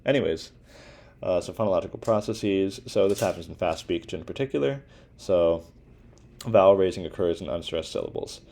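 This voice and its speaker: A man's voice: low voice, normal speed, creaky, dark tone. A young man giving a casual class presentation, talking informally with many fillers and restarts. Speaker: student presenter.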